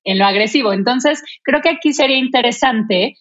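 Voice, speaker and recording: A woman's voice: a little high, fairly quick, fairly bright tone, muffled recording. A woman, a communication coach, explaining her ideas in a casual podcast chat and acting out quoted phrases.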